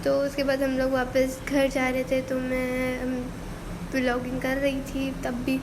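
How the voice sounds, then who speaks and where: Young woman vlogger, sore throat, high and very monotone, chatty rambling voice-over, noisy recording. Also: a little slow. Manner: chatty, rambling narration with frequent fillers. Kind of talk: casual vlog voice-over narration.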